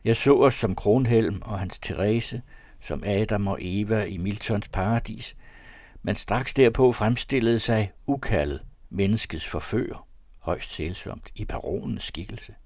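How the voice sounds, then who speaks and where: A man narrating a classic novella as an audiobook, with a measured, expressive reading on a close studio mic. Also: lowish voice, no echo. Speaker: audiobook reader.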